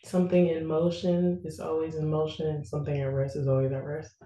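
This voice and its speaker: Student, tentative answers, mid-pitched voice, roomy echo. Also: level tone, fairly quick, dark tone. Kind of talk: answering tutor questions.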